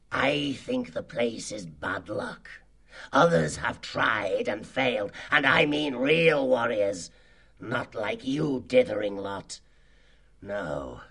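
A man voicing a cruel, cunning fox who leads a slave gang, sarcastic, menacing and boastful, with a gravelly, husky voice, in a dramatised animal tale. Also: medium pitch, fairly bright tone, heavily acted. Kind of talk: dramatised audiobook character acting.

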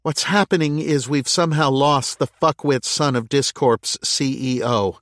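A woman's voice: very deep voice, unhurried, dry recording, voice pushed up. A man voicing a harried, stubborn woman mayor who speaks in insistent, clipped bursts, in a dry recording. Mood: exasperated.

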